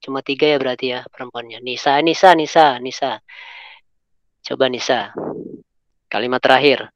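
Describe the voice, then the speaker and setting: A man's voice: medium pitch, normal speed, dry recording. Male English teacher, online lesson, encouraging, dry lo-fi call sound. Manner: encouraging, mixes English into explanations. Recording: dull lo-fi online call audio.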